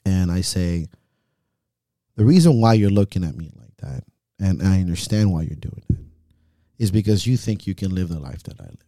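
A man's voice: low-pitched, expressive, moderate pace, dark tone, dry recording, clean studio sound. A man hosting a podcast as a coach, talking in a frank, reflective way and swearing freely. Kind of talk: casual podcast chat.

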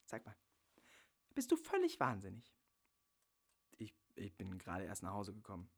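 A man's voice: lowish voice, wildly swooping pitch, moderate pace, husky, voice pushed down, heavily acted. A man reading the part of a sarcastic young man who curses at his ex. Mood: bitter. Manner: cursing, sarcastic. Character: irritated young man, bitter ex-boyfriend.

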